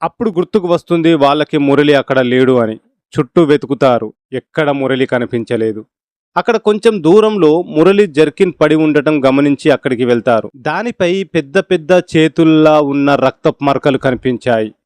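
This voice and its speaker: A man narrating a horror story, voicing every character himself in quick exchanges of dialogue. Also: on the high side, expressive, a little mellow, dry recording.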